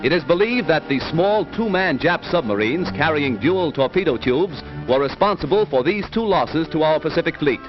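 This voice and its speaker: A man's voice: a little high, animated, normal speed, hardly any pauses. Man narrating an old newsreel. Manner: emphatic, rousing, declamatory. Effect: old newsreel soundtrack. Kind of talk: dramatic 1940s newsreel narration. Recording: dull lo-fi 1940s film sound with music. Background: music.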